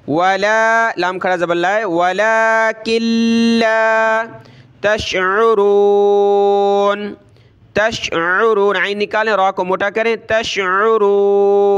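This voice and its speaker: A man teaching Quran recitation, spelling out letters and vowel marks, then chanting each verse slowly. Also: high-pitched, a bit bright, clear, resonant tone. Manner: slow drawn-out chanting of verses.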